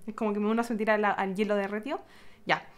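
A woman's voice: mid-range voice, quick pace. A young woman with a Chilean accent, animatedly telling her followers a story in a casual vlog, adding sound effects and acting out what people said. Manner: animated retelling with sound effects and acted-out quotes. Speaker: vlogger.

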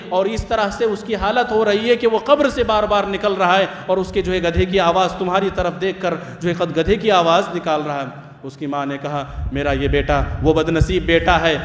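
A man's voice: a little high, fairly bright tone. A man preaching a fervent sermon in a mosque, repeating phrases for emphasis. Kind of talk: Friday sermon. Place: large mosque. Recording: echoey mosque hall with long reverb.

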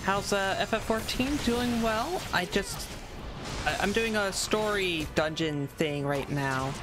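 A woman's voice: mid-range voice, slow, over music. A woman streamer chatting casually while she plays, rambling with repeated words and restarts. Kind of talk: casual live-stream chat while gaming.

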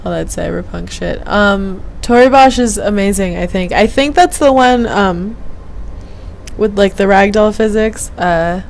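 With vocal fry in her mid-range voice, a young woman chats unhurriedly on a game stream, meandering hesitantly and half muttering to herself. She uses a gaming headset mic in a small room at home, and a little hiss or hum is audible.

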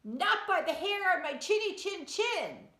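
A woman voicing small, defiant little pigs with squeaky, high retorts, recorded in an echoey room. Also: sing-song, unhurried, bright, forceful tone, full character voice. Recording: echoey room, faint noise.

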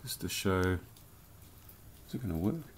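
A man's voice: low voice, animated, a little slow, slight background noise. A man casually reviewing a collectible toy in a rambling, chatty vlog from his home beer cellar. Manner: chatty, rambling, loose slang.

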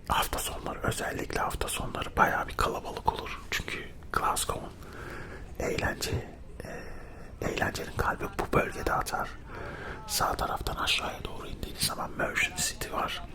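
A man narrates a travel vlog in a hushed ASMR whisper. He explains things in a reflective, unhurried manner, all breath and very little voice. He comes from Turkey and talks as if guiding the listener around. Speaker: vlogger.

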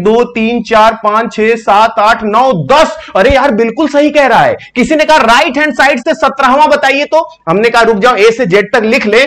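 High-voiced joking Hindi reasoning teacher. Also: male voice, a bit bright. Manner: playful, joking, chatty with a live chat. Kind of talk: live online exam-prep class.

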